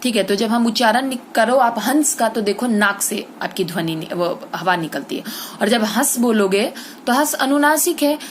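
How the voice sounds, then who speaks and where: A woman teaching an online Hindi grammar class, explaining step by step, saying example words slowly and checking in with the children. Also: on the high side, animated, slight background noise. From India.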